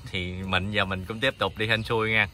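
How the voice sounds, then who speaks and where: Out on a river in a wooden boat, a man speaking with a Mekong Delta accent from southern Vietnam narrates his fishing vlog in a relaxed, talkative way, breaking into occasional excited bursts. His voice is on the low side at normal speed, and river noise fills the background.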